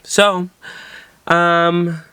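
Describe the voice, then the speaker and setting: Young man, vlog chat, bright tone, smooth clear voice, rambling casual delivery. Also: sits high, flat delivery, very slow, no room sound. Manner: chatty, nervous-sounding recounting, frequent "like". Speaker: vlogger, boyfriend.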